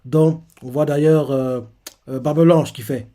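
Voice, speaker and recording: A man's voice: a little high, fairly even intonation, a little slow, dark tone. A man hosting a manga reaction, casually recapping a chapter in a hesitant way with many fillers and self-corrections.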